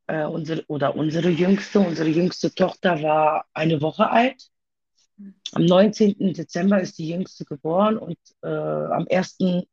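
Gravelly, husky woman recounting her past. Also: deep voice, a little mellow, lo-fi sound. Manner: halting, many pauses and fillers. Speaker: storyteller of own past. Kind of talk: personal conversation.

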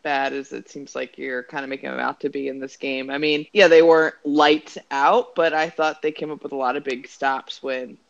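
A man co-hosting a casual football podcast, excitable and animated as he talks. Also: medium pitch, normal speed, creaky, hardly any pauses. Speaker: podcast co-host. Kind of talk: casual sports chat. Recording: dull lo-fi sound.

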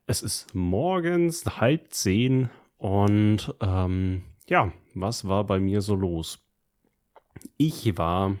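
A man with a low, soft-edged, mellow voice co-hosts a podcast. He talks casually and colloquially, recounting things in everyday slang. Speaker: podcast co-host. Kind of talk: casual chat, telling about his week.

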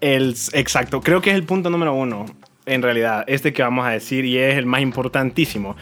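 A man's voice: mid-range voice, a little fast, a bit bright. Man, host, casual joking chat, rambling, laughing, faint background music.

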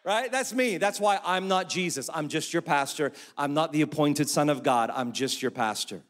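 Pastor guy preaching, high voice, punchy repeats, big echoey church hall. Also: moderate pace, a bit bright. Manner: preaching with rising intensity, emphatic repetition. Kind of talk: sermon. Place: church sanctuary.

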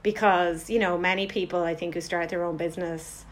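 A woman's voice: on the low side, steady tone, a little fast, slight background noise. Bubbly, laughing woman podcast host. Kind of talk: casual interview chat. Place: Kent, United Kingdom.

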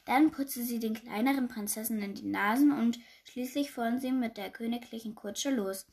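A woman reading a children's story aloud in a lively, expressive way. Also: a little high, moderate pace.

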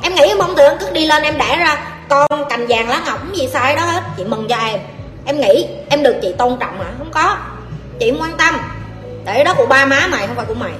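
A woman with a Southern Vietnamese accent answering audience questions in a live Q&A, blunt, forceful and scolding. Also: high voice, expressive, a little fast, over music. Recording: echoey hall, faint ambience.

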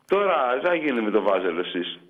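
Man, comedy co-host, teasing, lively rising and falling pitch, muffled lo-fi sound. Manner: teasing, provoking with short jabs. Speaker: co-host of a comedy radio show. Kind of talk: teasing football banter.

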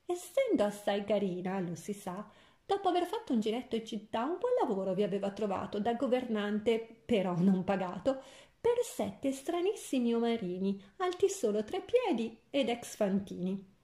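A woman's voice: medium pitch, sing-song, normal speed, dark tone. A woman reading a rhymed fairy tale aloud with a playful, rhythmic verse delivery. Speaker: storyteller. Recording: roomy echo.

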